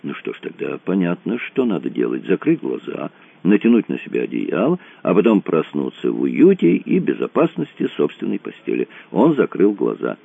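A man narrating an audiobook in an expressive reading style, in a tinny, dry recording. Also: deep voice, moderate pace, creaky. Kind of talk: scripted narration. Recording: tinny phone-like dry sound.

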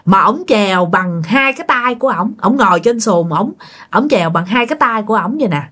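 A woman with a Southern Vietnamese accent telling a ghost story at a middling pitch. She is chatty and talks straight to her listeners. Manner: chatty, addresses listeners directly.

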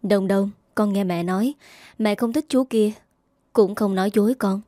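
A woman voicing a gentle young mother in a spoken story, soft and coaxing. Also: medium pitch, normal speed, dry recording, studio quality, natural voice.

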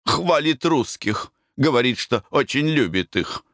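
Man putting on a shrill scolding wife. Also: lively intonation, measured pace, a bit bright, dry recording, studio quality. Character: irritable sharp-tongued middle-aged wife.

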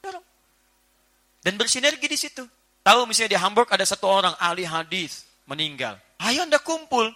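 A man giving a lively sermon as a preacher, joking and acting out small household scenes. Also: high voice, fairly quick. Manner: animated, jokey, acts out little household scenes. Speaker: Islamic preacher. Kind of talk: lively sermon to a live audience.

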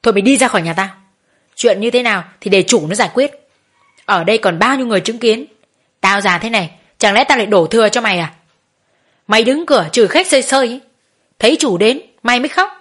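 A woman voicing a bossy older female innkeeper who scolds fast and sharply. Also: a little high, lively intonation, a bit bright, breathy edge. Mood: scolding.

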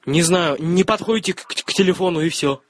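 A man's voice: high voice, a little fast. A man making a casual prank call over the phone, asking needling questions with mock concern. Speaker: prank caller. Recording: faintly noisy phone line.

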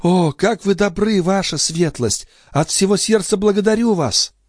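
A man's voice: high voice, normal speed, no room sound, studio quality, voice pushed up. A man voicing a sly young maid who pleads and coaxes, in an audiobook reading. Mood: imploring. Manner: pleading, coaxing. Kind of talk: audiobook character voice.

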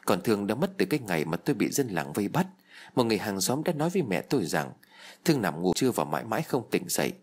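A man's voice: on the low side, big pitch swings, fast, darkish tone. A man reading a first-person novel aloud as an audiobook narrator, telling it expressively. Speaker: audiobook reader.

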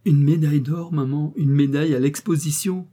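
A man voicing a frail young boy who is eager and affectionate, raising his voice high for the child. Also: moderate pace, slightly rough, lightly acted. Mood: elated. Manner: excited, high-pitched cries.

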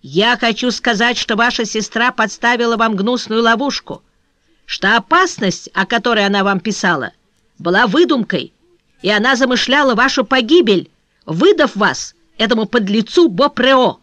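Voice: mid-range voice, lively intonation, normal speed, pushed and bright, no echo. A reader voicing a sly male abductor who gives cold orders and feigns friendliness in an audiobook. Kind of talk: audiobook reading.

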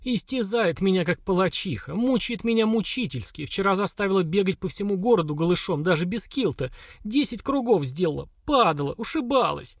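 A man voicing a sulky, hungover young woman warrior who whines and wails in a high voice. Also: animated, a little fast, hardly any pauses, dry recording, studio quality. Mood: whining. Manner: high, complaining, wailing.

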